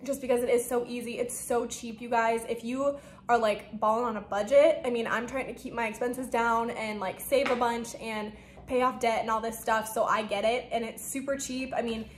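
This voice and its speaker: A woman's voice: a little high, fairly even intonation, normal speed. Chatty young woman vlogger, echoey room. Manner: chatty, rambling, lots of "like" and "um". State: a bit out of breath. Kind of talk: casual talk-through of meal prep. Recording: echoey room with faint noise.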